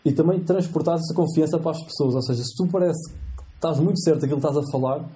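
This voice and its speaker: A young man in his twenties with a European Portuguese accent, a medical student telling lively, slangy anecdotes as a guest in a casual interview. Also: a little high, fast. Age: 20s.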